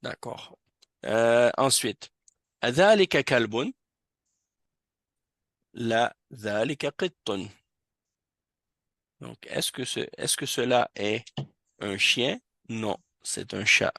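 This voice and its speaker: Guy teaching arabic in a mosque class, gravelly voice, dry sound, patient, keeps repeating stuff. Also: mid-range voice, expressive, slow pace, pauses often, fairly bright tone, dry recording. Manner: patient, repeats and corrects students, mixes French and Arabic. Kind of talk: classroom lesson explaining Arabic in French.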